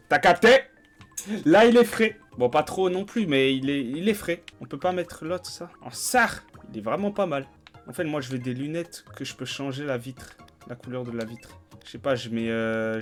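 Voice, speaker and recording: A man's voice: mid-range voice, normal speed, soft background music. A young man streaming a game, chatting casually in slang and swearing freely. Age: young adult. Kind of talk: casual let's-play commentary.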